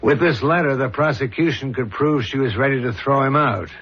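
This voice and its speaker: A male actor voices a dogged, earnest homicide inspector in a 1970s radio drama, sounding serious, probing and deliberate, captured on a dull old recording. His medium-pitched voice is husky and natural, with a pondering, determined mood.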